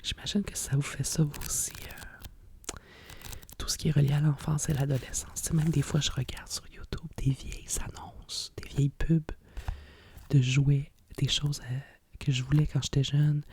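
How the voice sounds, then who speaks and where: A middle-aged woman with a Quebec French accent whispers softly and breathily in a nostalgic, rambling ASMR style, like a hushed library whisper. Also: low voice, level tone, normal speed. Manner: hushed, nostalgic rambling with frequent conversational tags. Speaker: ASMR host. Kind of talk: whispered ASMR chat about vintage books.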